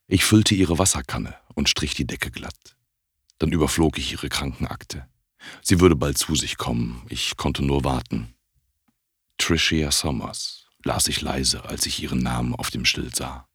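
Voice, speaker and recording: A man reading a first-person audiobook in a calm, measured way. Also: a bass voice, husky, no echo, clean studio sound. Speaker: audiobook narrator.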